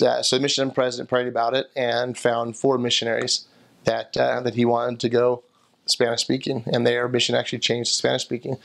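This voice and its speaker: A man in his thirties, a returned missionary, sits in an armchair in an indoor room by a window for an interview. His mid-range voice is a bit bright and has vocal fry. His rambling answer about past travels is full of restarts and fillers.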